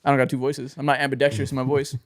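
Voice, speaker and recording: A man hosting a casual podcast, talking fast with a congested, blocked-nose sound like a broken nose. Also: mid-range voice, completely flat delivery. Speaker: podcast host. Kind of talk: casual banter.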